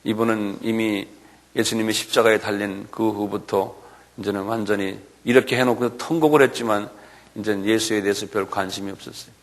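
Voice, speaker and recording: A middle-aged male pastor preaching a sermon, acting out quoted lines with shouts and often asking the congregation "예?". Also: lowish voice, fairly even intonation, a little fast. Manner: acts out quoted voices, shouting and pleading; asks the audience "예?" often.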